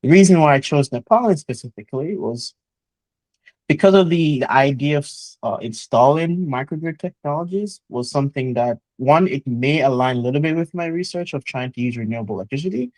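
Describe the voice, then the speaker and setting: A man, a chemical engineer talking earnestly in an interview, often pausing with "uh" and starting with "so". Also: on the high side, darkish tone, no echo, low-quality recording. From Jamaica. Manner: earnest, motivational, frequent "uh" and "so". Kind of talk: conversational interview.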